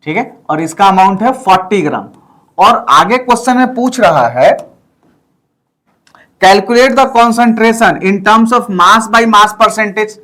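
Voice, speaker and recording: High-voiced man teaching chemistry. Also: lively intonation, takes it slowly, a bit bright. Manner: explains step by step, often checks in with "ठीक है". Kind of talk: classroom lecture.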